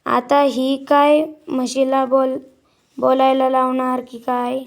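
A woman reading the part of a kindly, gently scolding grandmother in a storybook lesson. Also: high voice, monotone, slow. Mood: wry.

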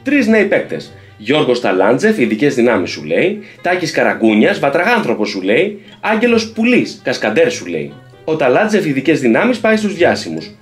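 A man's voice: medium pitch, huge pitch swings, faint music behind, pitched above the performer's own voice. A man putting on the voice of a chirpy TV gossip presenter reading out headlines in a singsong, exaggerated way. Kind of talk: mock TV presenting.

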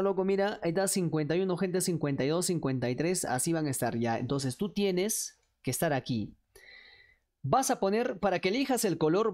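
Chatty woman streamer, lowish voice. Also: a little mellow. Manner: chatty, coaxing the chat, slangy. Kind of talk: casual livestream chat hosting a chat game.

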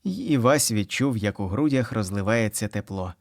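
A man narrating a children's story in an expressive storytelling manner. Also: lowish voice, normal speed, no echo, clean studio sound. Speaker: audiobook narrator.

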